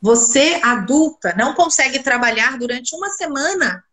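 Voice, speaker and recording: Animated and high-pitched, with a fairly bright tone, this woman speaks at a moderate pace. She's a speech therapist with a cold-induced congestion, explaining things in an interview and answering rhetorical questions she asks herself, amid roomy echo.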